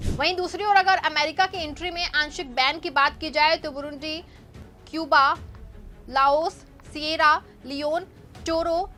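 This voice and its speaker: A young woman anchors a news program in a high voice, reading scripted political commentary. Her tone is bright and edged, and she makes her points with a sarcastic bite.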